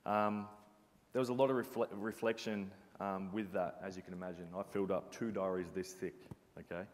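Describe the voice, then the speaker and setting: A man's voice: deep voice, fairly even intonation, fairly quick, a little hiss or hum. A man giving an earnest, reflective motivational talk as a former basketball captain. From Australia. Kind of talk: motivational presentation. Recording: reverberant hall sound.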